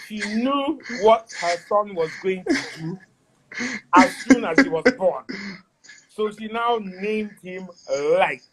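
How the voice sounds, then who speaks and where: A man's voice: high-pitched, rough recording. A man hosting a casual chat show, teasing his guest and laughing often. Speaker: talk show host.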